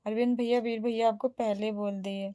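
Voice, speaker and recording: A woman's voice: on the high side, little pitch movement, normal speed, warm tone, dry recording. A woman with an Awadhi accent, chatting casually on a livestream as she reads out and answers viewer comments one by one. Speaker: live streamer reading viewer comments.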